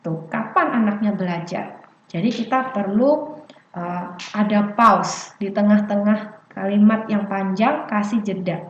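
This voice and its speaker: A woman's voice: medium pitch, unhurried. A woman presenting an online parenting seminar on speech development, chatty and explanatory, often rounding off points with a tag word. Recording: echoey, dull lo-fi audio.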